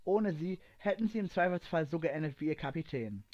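A man reading a story aloud in an even, steady storytelling manner. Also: on the high side, brisk. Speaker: narrator. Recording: dull lo-fi recording.

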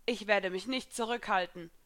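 A woman voicing a stern, confident young woman warrior who taunts and commands in a raised, higher voice. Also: normal speed, fairly bright tone, natural voice. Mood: fierce, taunting.

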